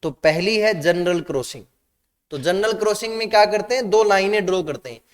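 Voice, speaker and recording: A man's voice: high-pitched, a little fast, big-room sound. A man teaching a class, asking students questions and mixing Hindi with English terms. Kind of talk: classroom lecture.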